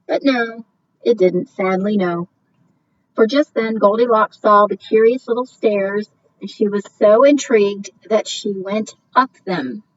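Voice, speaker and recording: A woman teacher reads a fairy tale aloud for a lesson, leaning on words with drawn-out storytelling emphasis. She sounds a little distant from the mic, and the sound is muffled. A faint hiss sits underneath. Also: medium pitch.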